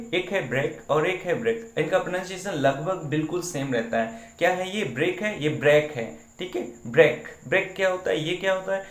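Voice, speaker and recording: A man's voice: fairly high pitch, reverberant. A man teaching English vocabulary in an online exam-prep lesson, explaining patiently and asking his students questions he then answers.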